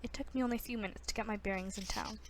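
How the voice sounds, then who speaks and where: A woman reads a novel aloud casually at a racing pace, her voice medium in pitch. She stumbles and restarts often, breaking off with self-conscious asides. There is slight background noise.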